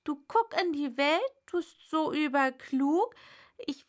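A spry, boastful old man from a comic storybook poem, recited by a woman reader. The rhymes come out strong and slightly raised in pitch. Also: animated, slow pace.

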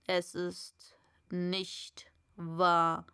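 A woman reading a storybook and voicing a haughty caterpillar that drawls slowly in a low, breathy half-whisper. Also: monotone, sharp tone, exaggerated voice.

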